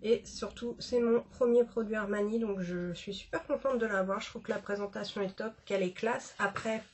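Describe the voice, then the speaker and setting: A woman's voice: medium pitch, normal speed, darkish tone, a little hiss or hum. A woman chatting casually about a makeup haul, with many fillers and restarts. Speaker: beauty vlogger.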